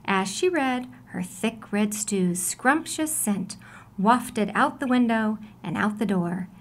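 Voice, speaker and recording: Reading a children's story, this woman uses a mid-range voice and an expressive, deliberate storytelling style.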